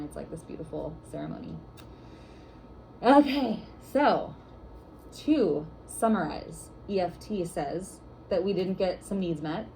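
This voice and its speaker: A woman's voice: on the low side, mellow, a little hiss or hum, poor audio. A woman instructor teaching a workshop class for massage therapists, guiding and chatty with lots of "like" fillers.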